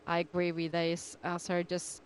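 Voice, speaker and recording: A woman's voice: fairly low pitch, monotone, moderate pace, clean tone. A woman giving live chess commentary, reacting to the play and repeating phrases for emphasis.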